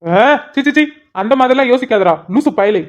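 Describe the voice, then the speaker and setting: A woman gives voice to a tearful, sentimental young man in a cartoon as he meets an old friend, fond, emotional and pleading. She speaks at normal speed with a fairly high, natural voice and lively intonation, recorded in slightly muffled lo-fi.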